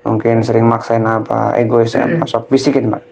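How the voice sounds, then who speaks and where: A man, a ruqyah cleric gently guiding a family through prayer and rising into fervent pleas. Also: mid-range voice, little pitch movement, moderate pace, creaky.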